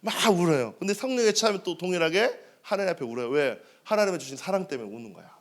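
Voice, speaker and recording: Lively preaching male pastor. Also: fairly high pitch, fast talker. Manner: lively, asks the congregation questions and answers them. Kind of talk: sermon. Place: church sanctuary.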